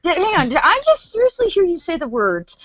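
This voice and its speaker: A woman in her late twenties who hosts a casual chat, swearing freely and reacting loudly. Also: very high-pitched, sing-song, brisk, a loud crowd. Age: 20s. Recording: lo-fi audio with faint noise.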